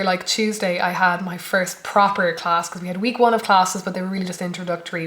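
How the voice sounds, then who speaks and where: A young woman with a hoarse, partly lost voice, chatting reflectively and hesitantly in a rambling personal vlog recorded indoors. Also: mid-range voice, fairly bright tone, reverberant. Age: young adult. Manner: reflective, hesitant, self-correcting. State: hoarse from losing her voice. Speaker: student vlogger. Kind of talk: casual rambling vlog chat. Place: indoors in a flat.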